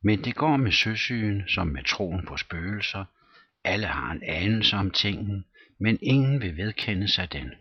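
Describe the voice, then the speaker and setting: Male audiobook narrator, deep and husky, steady measured reading. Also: dry recording. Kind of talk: scripted narration. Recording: dull lo-fi recording, dry.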